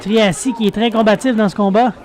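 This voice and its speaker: High-pitched Québécois male wrestling commentator. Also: a little fast. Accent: Québécois French. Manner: excited, exclamatory calls of each move. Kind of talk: live wrestling play-by-play commentary. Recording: noisy venue with loud crowd behind.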